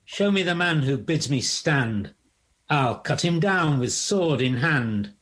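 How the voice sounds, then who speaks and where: A man's voice: a little high, expressive, slow, fairly bright tone, breathy edge, exaggerated voice. A man playing a bold, boastful knight, declaiming rhymes in a comic folk play. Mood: boastful, defiant. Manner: declamatory, rhyming bravado. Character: boastful, bold knightly hero Saint George.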